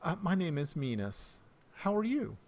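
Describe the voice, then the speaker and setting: A man's voice: fairly high pitch, big pitch swings, moderate pace, darkish tone, no room sound, voice pushed up. A man voicing a sly, understated half-elven woman who researches necromancy, in a tabletop game.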